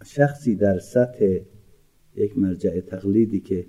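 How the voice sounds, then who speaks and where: An older man preaching a sermon, moving from quiet explanation to loud, drawn-out chanted Arabic quotes. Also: fairly low pitch, husky. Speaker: cleric preacher. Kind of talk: religious sermon with Arabic recitation.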